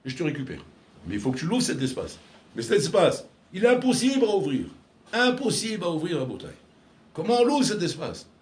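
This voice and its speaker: A man's voice: high-pitched, huge pitch swings, fairly quick, a little mellow. A man giving an impassioned sermon as a rabbi, telling a story with many repeated phrases and direct calls to his listeners.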